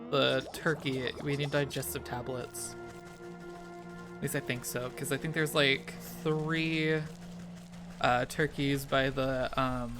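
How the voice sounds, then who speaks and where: A gamer giving casual, rambling let's-play commentary, laughing often and reading game text aloud, with game music behind. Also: medium pitch. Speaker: gamer, channel host.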